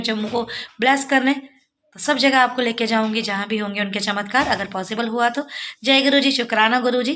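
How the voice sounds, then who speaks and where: Bright-voiced woman vlogging with a sore throat. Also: mid-range voice, slight background noise. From Jammu, India. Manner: earnest, pleading, addresses viewers directly. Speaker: devotional vlogger. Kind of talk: casual devotional vlog talk.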